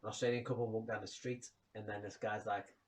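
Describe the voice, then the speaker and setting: A man rambling frankly and casually about his low mood, swearing freely. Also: little pitch movement, fast talker, far from the mic, a little hiss or hum. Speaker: vlogger. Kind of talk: casual personal rant to camera.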